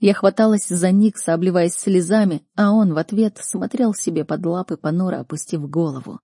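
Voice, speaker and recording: A woman's voice: on the low side, brisk, warm tone, slightly rough, no echo, clean studio sound. A woman narrating a first-person fantasy audiobook with an emotional, dramatic reading.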